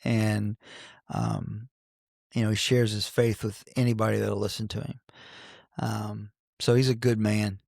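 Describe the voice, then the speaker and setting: A man in his forties from Cincinnati, a guest on a podcast, talks in an earnest, folksy way and restarts his sentences often. His voice is low and gravelly. The studio sound is dry and close. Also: level tone, measured pace, a little mellow, no echo. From Cincinnati, Ohio, United States. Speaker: basketball coach, podcast guest. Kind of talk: reflective conversational storytelling.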